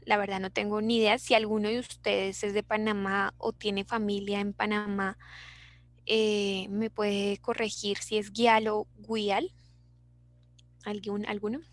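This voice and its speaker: A woman's voice: medium pitch, level tone, measured pace, dry recording. A young Colombian woman with a Bogotá accent, teaching an online class in a chatty way and reading out her students' answers. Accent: Bogotá Colombian Spanish.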